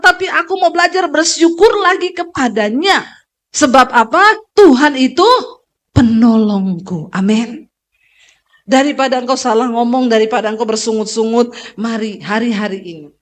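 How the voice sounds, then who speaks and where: A woman pastor from Indonesia preaching a lively, joking sermon straight to her congregation during a church service. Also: sits high, fairly quick. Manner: preaching with sung passages.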